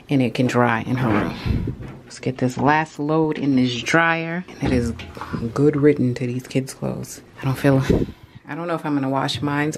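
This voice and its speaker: Chatty low-voiced mom vlogging her cleaning. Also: background noise. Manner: chatty, talks to viewers while cleaning. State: out of breath. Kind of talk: casual cleaning vlog narration. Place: at home.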